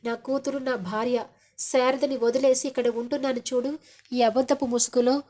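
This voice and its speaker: A hurt, proud middle-aged father speaks reproachfully and grows loud and defiant, voiced by a woman retelling the story. The voice sits fairly high. Told as a storybook retelling. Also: steady tone, normal speed, lightly acted. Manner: reproachful, raises voice to defiant shouting.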